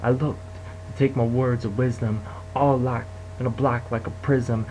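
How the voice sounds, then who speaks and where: A man's voice: medium pitch, level tone, moderate pace, darkish tone, slight background noise, poor audio. A young man from the Detroit area rapping his own freestyle in a rhythmic, rhyming delivery. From Detroit area, United States. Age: young adult. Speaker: amateur rapper. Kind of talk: freestyle rap.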